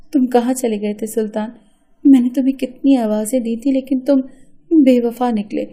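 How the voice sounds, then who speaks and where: Mellow-voiced woman telling an emotional story. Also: a little high. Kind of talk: first-person dramatic story narration.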